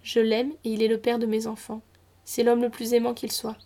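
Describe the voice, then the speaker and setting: Give me a woman playing a soft-spoken loving young wife, slightly high and steady. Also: brisk, lightly acted. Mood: soothing. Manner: soothing, tender. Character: young wife of a river lord, loving and gentle.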